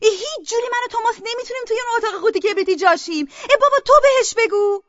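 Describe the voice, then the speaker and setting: An actress playing a sharp-tongued, quarrelsome young woman arguing with her sister. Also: very high voice, no room sound, dull audio. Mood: scornful. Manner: scornful, quarrelsome.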